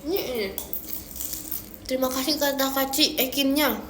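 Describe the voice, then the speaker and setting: A high-voiced woman teases her friend and chats on a livestream, laughing often. Her voice booms in an echoey room, like a big hall. A faint hiss sits behind. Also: normal speed, a bit bright. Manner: teasing, chatty, laughs often. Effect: strong booming echo like a big hall. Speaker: livestream co-host. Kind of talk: casual chat on a livestream.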